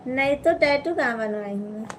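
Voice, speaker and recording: Woman doing a chill phone livestream, awadhi-ish hindi accent, slow easy chat, bit high voice, faint hum behind. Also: lively intonation, low-quality recording. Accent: Awadhi-tinged Hindi. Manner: slow, chatty, greets viewers by name. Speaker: livestream host. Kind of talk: casual live-stream chat with viewers.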